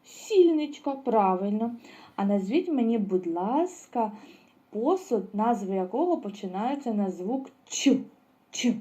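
A woman's voice: fairly high pitch, lively intonation, a little slow, warm tone. A woman teaching a lesson to young children, asking questions and answering them herself with praise. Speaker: preschool teacher.

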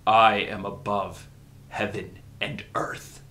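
A young man in his twenties acting a dramatic monologue as a tormented man possessed by demons, anguished and swinging between hushed menace and desperation. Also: little pitch movement, takes it slowly. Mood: despairing, grim. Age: 20s. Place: small plain indoor room. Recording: noisy room recording with low rumble.

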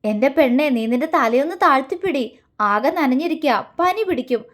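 A woman voicing a stern but tender young man who gives gruff orders and then coaxes gently. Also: high-pitched, lively intonation, normal speed. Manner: gruff commands softening into gentle coaxing.

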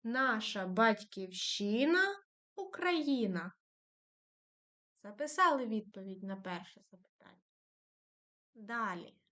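Slow, patient woman teaching young children. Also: mid-range voice, animated, fairly bright tone. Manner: slow, patient dictation with frequent praise. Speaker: primary school teacher. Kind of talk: online lesson for young children.

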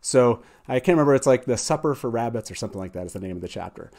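A man in his forties hosts a show, chatting casually to introduce a reading in a small wood-panelled studio, close to a boom-arm studio mic. His average-pitched male voice is gravelly and darkish, with lively intonation and a rapid-fire delivery.

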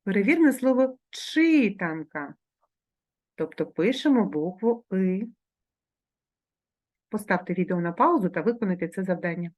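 A woman teacher with a Ukrainian accent giving a remote grammar lesson to schoolchildren, pronouncing sounds and example words slowly and carefully. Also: mid-range voice, lively intonation, a little mellow.

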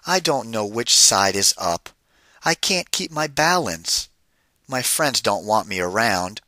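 A man's voice: fairly low pitch, lively intonation, slow pace, bright, forceful tone, dry recording, full character voice. A man voicing a restless, weary storybook shape in a plaintive, emphatic way. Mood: fed up. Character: restless talking yellow shape, dizzy, lonely and weary.

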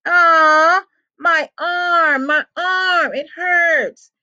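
A woman's voice: sits high, fairly even intonation, very slow, darkish tone, voice pushed up. A woman voicing a schoolboy bully who mocks in a baby voice and fakes being hurt, whining and whimpering, read aloud from a storybook. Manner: whiny, shrieking, whimpering. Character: bully boy faking a baby voice and injury. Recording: dull lo-fi recording.

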